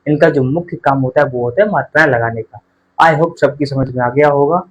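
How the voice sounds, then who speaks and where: A man's voice: medium pitch, brisk, slightly rough, low-quality recording. A male teacher giving a live online grammar class, asking questions and answering them himself while addressing his pupils fondly.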